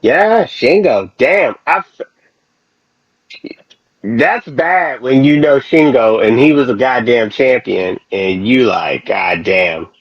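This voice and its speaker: A podcast co-host chats casually about wrestling, laid-back and profane, in a medium-pitched voice with a breathy edge and no echo. He comes through a thin, distant-sounding headset on a phone line, so the audio is dull and lo-fi.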